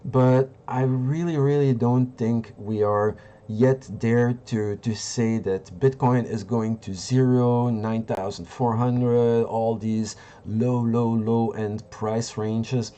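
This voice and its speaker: Man from Belgium, hosting a live market stream; slow, mellow delivery, halting and full of fillers. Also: medium pitch, fairly even intonation, dull audio. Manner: rambling, halting, many fillers and restarts. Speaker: livestream host. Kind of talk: live market analysis and chat.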